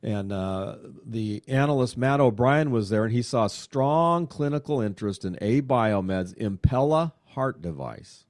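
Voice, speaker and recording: A man hosting a radio show, chatting in a casual way, excitable and full of fillers. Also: mid-range voice, a little slow, hardly any pauses, no echo, clean studio sound. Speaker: radio show host and money manager.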